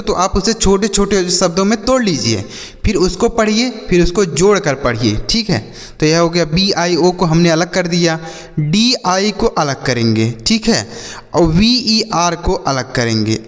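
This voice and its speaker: A man with a somewhat raised voice teaches children to read long English words letter by letter. He keeps calling out questions and answering them himself. The recording carries a long, lingering reverb. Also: high voice. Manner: repeats questions and answers, addresses children directly. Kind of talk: spelling lesson for children.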